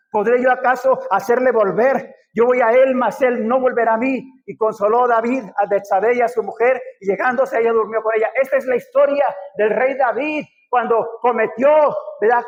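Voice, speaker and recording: A man's voice: very high voice, dull audio. A man with a Mexican Spanish accent, a pastor preaching a sermon full of rhetorical questions, recorded in a church hall.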